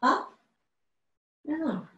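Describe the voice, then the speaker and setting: A woman Pilates instructor leading a home workout class over a video call, counting down reps with slow, drawn-out cues. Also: pushed and bright, far from the mic, lo-fi sound. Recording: echoey room, voice off-mic.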